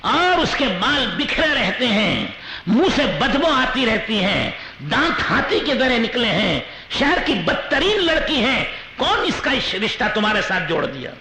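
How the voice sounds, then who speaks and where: A man's voice: very high-pitched, sing-song, pushed and bright, slight background noise, heavily acted. A man voicing a scheming old female household maid, speaking in a gossipy, spiteful way. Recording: roomy echo.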